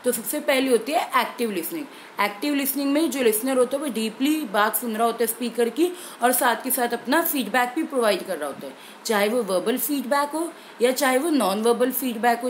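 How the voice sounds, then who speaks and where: A young woman with a fairly high voice teaches an exam-prep lesson in a clear, steady way. She slows down to stress each key term. A faint hiss sits under the recording. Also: low-quality recording. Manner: clear, steady explaining with slowed emphasis on key terms. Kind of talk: explanatory lesson in Hindi with English terms.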